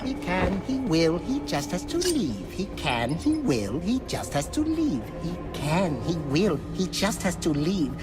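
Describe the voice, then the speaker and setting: A man's voice: high voice, wildly swooping pitch, unhurried, few pauses, full character voice. A man playing a mad, theatrical video game villain obsessed with Wonderland, with a giggly sing-song delivery and erratic emphasis. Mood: irritated. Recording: very echoey hall reverb under loud music.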